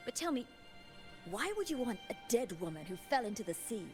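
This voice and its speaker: A stern, proud noblewoman in a game, speaking firmly and deliberately. Music plays clearly behind her. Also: on the high side, very animated. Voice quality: firm, measured. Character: stern, proud woman head of a noble house. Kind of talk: game voice acting.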